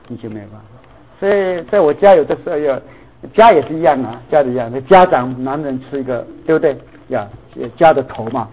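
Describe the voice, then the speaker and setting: A middle-aged man preaching a sermon, telling a family story in an animated way and mixing English words into his talk. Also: medium pitch, breathy edge. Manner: animated, acts out dialogue, mixes in English words. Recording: tinny phone-like sound.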